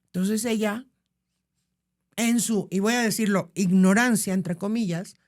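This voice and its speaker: A woman's voice: medium pitch, unhurried. A middle-aged woman, a podcast guest telling a story in casual conversation and acting out the voices of the people in it. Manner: animated, acts out quoted voices.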